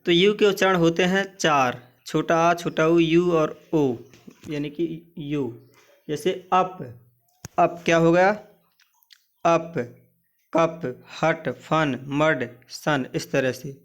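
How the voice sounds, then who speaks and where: Using Hindi, a man with a slightly high voice teaches English vowel sounds. He pronounces example words slowly, one at a time, and keeps asking the listener what they are, with fairly even intonation.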